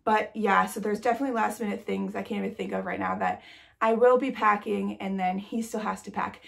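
A vlogger in her twenties chats casually to camera from a nursery room, sounding congested and peppering her talk with "like" and light laughs. Her voice sits mid-range with fairly even intonation, a brisk pace and a creaky quality.

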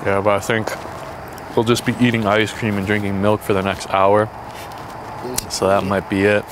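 With a fairly low pitch, level tone and normal speed, a young challenge vlogger bantering casually swears over his mouth burning from spicy food. He's recorded outdoors on a backyard wooden deck by a camera a few steps away, and the audio is noisy with some traffic ambience.

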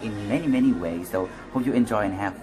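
A man's voice: fairly low pitch, animated, extremely slow, over music. A man with a Thai accent, a native Thai speaker, giving a casual English lesson and acting out example greetings. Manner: switches between English and Thai, acts out example phrases. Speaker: English teacher.

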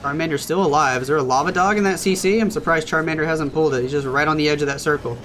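A man casting a competitive mobile strategy match as solo play-by-play commentary, reacting quickly and excitably. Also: fairly high pitch, a little hiss or hum. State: hiccups. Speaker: esports caster.

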